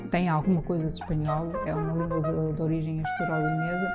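A woman from northern Portugal speaks in a low-set voice, stopping and restarting her phrases as she answers an interviewer. Music plays clearly underneath her talk. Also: level tone. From Trás-os-Montes, Portugal. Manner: halting, many restarts and repeated words. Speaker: jazz singer.

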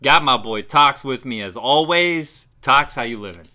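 A man's voice: mid-range voice, lively intonation, moderate pace, sharp tone. A man from North Carolina, hosting a casual podcast in an upbeat, laid-back way. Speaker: podcast host. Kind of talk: casual chat. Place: small local studio.

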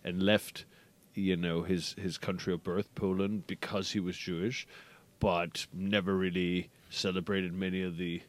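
A man's voice: low voice, little pitch movement, unhurried. A middle-aged man, a podcast guest, talking in a thoughtful, reflective way and telling family stories. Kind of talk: podcast interview conversation.

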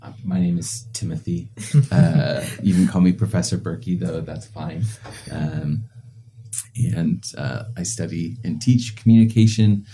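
Deep, mellow American man hosting. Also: fairly even intonation, measured pace, a little hiss or hum. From rural Indiana, USA. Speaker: podcast host, communication professor. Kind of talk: conversational podcast interview.

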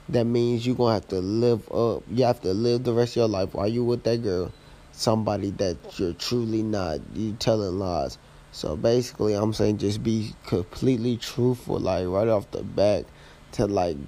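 A man's voice: lowish voice, moderate pace, warm tone. A young man hosting a podcast, giving casual dating advice in a loose, slangy, rambling way with frequent restarts. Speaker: podcast host.

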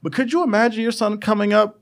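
A man in casual comedic podcast chat, riffing crudely and acting out quick voices. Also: sits high, fairly even intonation.

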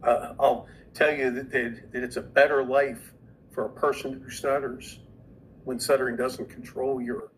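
A man's voice: medium pitch, level tone, unhurried, a little hiss or hum, rough recording. Earnest man explaining an idea. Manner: earnest, repeats words while explaining. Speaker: podcast guest.

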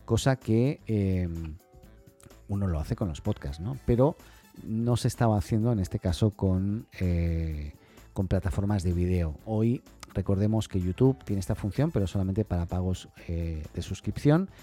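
A man's voice: low-pitched, unhurried, warm tone, soft background music. A man hosting a tech news podcast, talking casually with many fillers and restarts. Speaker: podcast host.

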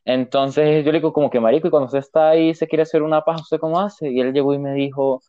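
A man's voice: a little high, fast. A young man from Táchira with an Andean Venezuelan accent, telling crude stories in casual banter and acting out the dialogue. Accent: Venezuelan Andean (gocho). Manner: animated storyteller acting out dialogue. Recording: slightly dull lo-fi audio.

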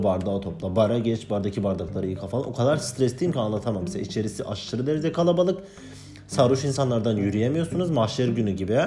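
A man telling a story about his work as floor staff at a bar, speaking casually and growing agitated and indignant as he recounts it. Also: fairly low pitch. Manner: agitated, indignant retelling with quoted shouts.

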